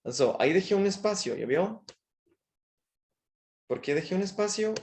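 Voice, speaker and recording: A man's voice: high voice, animated, normal speed, a little mellow, slight background noise. A man teaching a language class over a video call, patiently explaining and often checking in with short questions. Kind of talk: online class lesson.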